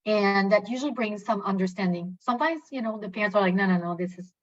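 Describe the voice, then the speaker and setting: A woman presents at a professional webinar in a mid-pitched voice, pausing often and restarting her sentences. The audio comes through a video call and sounds dull and muffled. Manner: hesitant, many fillers and restarts.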